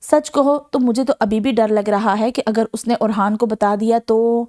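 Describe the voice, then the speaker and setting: A man's voice: high voice, steady tone, darkish tone, lightly acted. A woman voicing a timid young man from a novel, nervous and worried. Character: timid fearful young man, college student.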